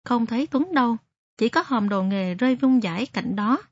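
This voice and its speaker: A woman narrating a story aloud in a gentle, measured reading. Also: a little high, lively intonation, breathy edge, no room sound. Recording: dry, slightly muffled recording.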